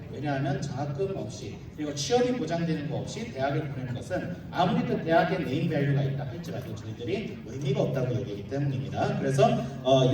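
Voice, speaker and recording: At an admissions briefing, a school representative presents slides to a live audience, speaking quickly in a slightly high voice. He goes through things point by point, dropping in casual, humorous asides. The distant mic in the large, echoey hall captures heavy reverb and clear background noise.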